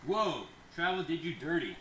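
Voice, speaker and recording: A man's voice: fairly high pitch, very animated, normal speed. A young man playing a snarky teenage son in an amateur comedy skit, sarcastic and teasing. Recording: distant, echoey, faint noise.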